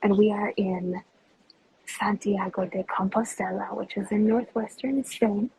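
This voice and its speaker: A woman working as a tour guide, chatting enthusiastically with live viewers in a breathy voice that is sometimes kept soft. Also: mid-range voice, steady tone, unhurried, low-quality recording. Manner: speaks softly at times. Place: inside a large stone cathedral. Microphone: handheld phone without stabilizer.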